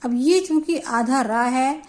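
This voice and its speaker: Speaking in a high voice, a woman gives a Hindi grammar lesson, explaining with slow deliberation and spelling syllables out for her students.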